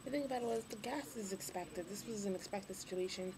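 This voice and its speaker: A young woman speaking casually to camera, tired and weak after surgery, low on energy and hesitant. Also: quick pace, a crowd in the background. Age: young adult. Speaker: vlogger. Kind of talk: casual video diary. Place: hospital room. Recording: clearly noisy webcam recording, room ambience.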